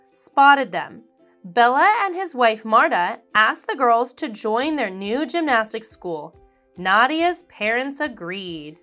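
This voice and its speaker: Soft music murmurs in the background as a woman reads a picture book to little listeners. She speaks unhurriedly, lingering on each phrase, her somewhat high pitch moving through wide swings in a clear, animated storytelling manner.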